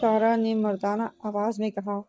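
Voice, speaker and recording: A woman telling a horror story as scripted narration, reading in a steady, even way. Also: medium pitch, faint music behind.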